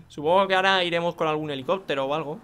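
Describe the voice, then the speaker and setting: Brief: young Spaniard gamer, animated commentary, exclamations, bright tone. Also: male voice, on the high side. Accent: Spain Spanish. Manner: excitable, joking, frequent exclamations. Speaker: gaming video creator. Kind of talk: casual gameplay commentary.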